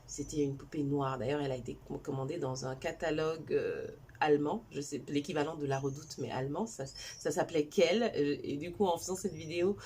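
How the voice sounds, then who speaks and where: A woman's voice: sits low, darkish tone, slight background noise. A woman in her forties, born in Cameroon and raised in China, chatting to camera about her life with many fillers and restarts. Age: 40s. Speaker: entrepreneur and vlogger. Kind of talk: personal storytelling to camera.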